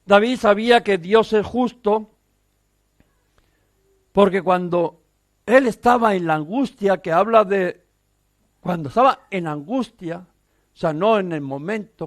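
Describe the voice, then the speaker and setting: Spanish male pastor, high voice, dry close sound, earnest sermon delivery. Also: dry recording. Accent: Peninsular Spanish. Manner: earnest, emphatic preaching with rhetorical questions.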